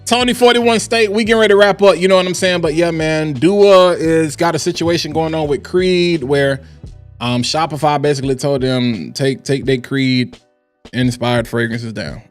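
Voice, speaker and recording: A man hosting a livestream, ranting in an animated, hyped way that swings from loud to low and calm. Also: normal speed. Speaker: livestream host. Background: faint background music.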